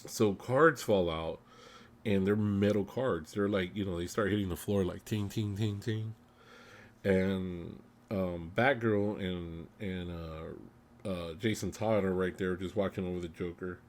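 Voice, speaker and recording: A man's voice: sits low, measured pace, slight background noise. A man hosting a podcast, casually retelling a comic book story in a rambling way with plenty of ums and uhs. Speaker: podcast host.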